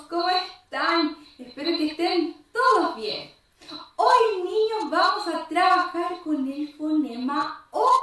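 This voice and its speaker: A woman teacher greeting children and explaining a classroom activity, speaking slowly and addressing them directly. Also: extremely high pitch, a bit bright. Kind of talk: children's lesson. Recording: very echoey room, voice far from mic.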